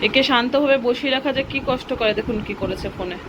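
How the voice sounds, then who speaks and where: Young mother, high voice, coaxing and chatty, noisy home recording with passing vehicles. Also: fast, highs cut off. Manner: coaxing and repetitive with her children, chatty aside to viewers. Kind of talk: casual home vlog, talking to her children and viewers. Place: at home, indoors.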